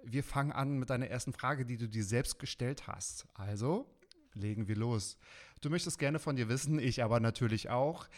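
A man hosts a podcast interview with an upbeat, friendly manner. He leads his guest into each question with easy chat. His voice sits at an ordinary middle pitch for a man. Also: normal speed. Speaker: podcast host.

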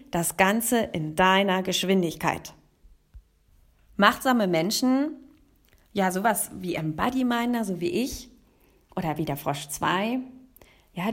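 A woman hosting a motivational podcast as a life coach, speaking emphatically and addressing the listener directly. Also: mid-range voice. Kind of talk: motivational podcast monologue with storytelling.

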